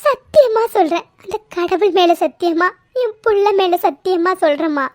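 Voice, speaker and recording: A woman's voice: very high-pitched, moderate pace, no echo, clean studio sound. A woman voicing a scheming, tearful sister-in-law in a cartoon, pleading and swearing oaths. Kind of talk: cartoon voice acting.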